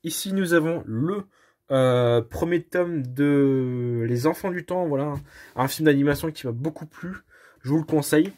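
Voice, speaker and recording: A man's voice: fairly high pitch, a little slow, a little mellow. A man talks casually while filming his room on a phone held at arm's length. His speech is hesitant, full of fillers and self-corrections, with modest, self-deprecating apologies as he goes. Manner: hesitant, many fillers and restarts. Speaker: vlogger showing his manga collection. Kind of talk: casual home video tour.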